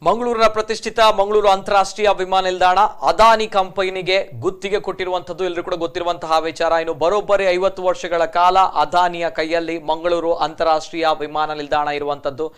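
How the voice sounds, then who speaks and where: Male news reporter, high and clear, formal and phrase-repeating. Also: flat delivery, fairly quick, hardly any pauses, a bit bright. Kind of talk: news report and phone interview.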